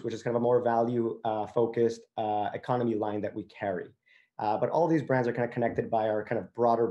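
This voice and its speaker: This Venezuelan man, a company founder on a discussion panel, keeps things conversational, leaning on "you know" and "kind of" as he hedges. His voice is mellow and medium-pitched, heard through dull audio.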